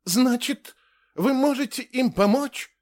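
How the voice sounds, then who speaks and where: A man voicing a shrill, high-pitched matron. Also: lively intonation, measured pace. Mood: hopeful. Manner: shrieking, then plaintive and trembling. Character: shrill, defensive middle-aged woman, orphanage keeper. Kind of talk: audiobook character voice.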